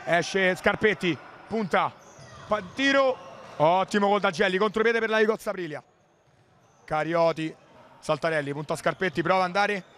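A man giving excited futsal match commentary in clipped play-by-play bursts, breaking into shouted goal calls. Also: high voice, moderate pace, long pauses. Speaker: sports commentator. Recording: noisy indoor sports hall ambience.

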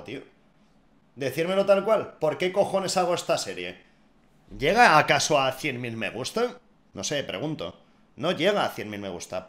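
A man from Spain giving casual, exasperated commentary on a game, with jokes that swing between low mutters and loud outbursts. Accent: Spain Spanish. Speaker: gaming YouTuber. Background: background music.

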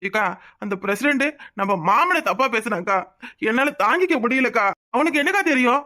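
A woman's voice: a little high, expressive, a little fast, sharp tone. A woman doing a fiery protective young man. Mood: hurt. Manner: fiery, vengeful. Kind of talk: cartoon voice acting.

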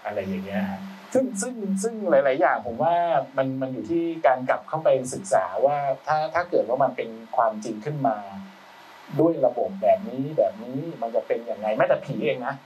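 A man's voice: mid-range voice, big pitch swings, fairly quick, darkish tone. A man who works as a film sound designer, talking casually as a guest in loose, chatty speech full of restarts and slang. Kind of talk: casual talk-show conversation. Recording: voice a bit far from the mic, faint background noise.

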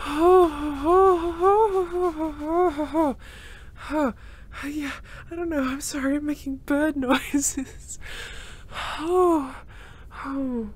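A woman voicing a gentle, emotional young male reborn spirit in an audio role-play, breathless and given to nervous sighs and laughs. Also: high-pitched, steady tone, slow. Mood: breathless, grateful.

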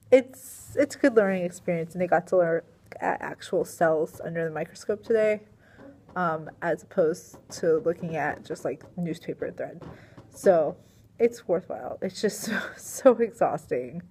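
A young woman who teaches middle school science rambles casually into the laptop webcam at her desk in a small classroom, making a video diary. Her voice is lowish, dark and slightly rough, tired and a little strained. She sounds sleepy, sighing often and leaning heavily on fillers.

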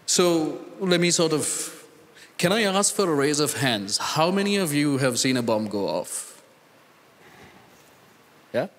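A man, speaking as a panelist at a conference, earnest and deliberate, pausing and restarting as he thinks, into a handheld mic on a large hall stage. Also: on the high side, lively intonation. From Sri Lanka. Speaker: conference panelist, data scientist. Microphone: handheld microphone. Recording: reverberant conference hall sound.

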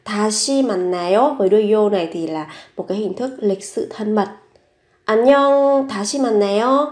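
Brief: woman, language teacher, steady mid-pitched voice, slow patient drill-and-explain delivery. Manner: repeats each phrase slowly, then explains it. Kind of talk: bilingual language lesson.

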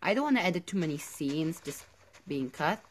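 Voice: mid-range voice, sing-song, a little fast, slight background noise. A gaming video host giving casual commentary while playing, often repeating words and phrases.

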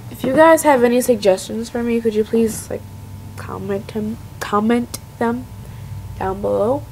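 A woman's voice: a little high, unhurried, a little mellow, a little hiss or hum, rough recording. A young woman in her late teens with a stuffy, congested voice from a cold, ranting to camera in a rambling, exasperated way. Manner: rambling, filler-heavy, exasperated. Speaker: vlogger.

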